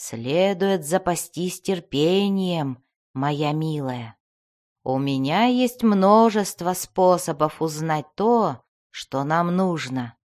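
A woman voicing a powerful male wizard who speaks slowly and in a measured, commanding way. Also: on the low side, expressive, a little mellow. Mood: patient.

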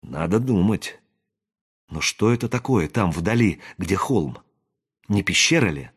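A man's voice: deep voice, animated, a little slow, slightly rough, exaggerated voice. A man reading an audiobook aloud, voicing a curious young man who whispers hesitantly. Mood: hushed.

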